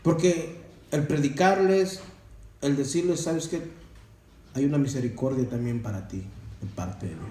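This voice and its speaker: A man's voice: medium pitch, unhurried, long pauses, warm tone. A man giving a preachy testimony to a congregation, calling them brothers and asking rhetorical questions. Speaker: church member giving testimony. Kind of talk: sermon-style testimony. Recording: echoey room from far off with faint ambience.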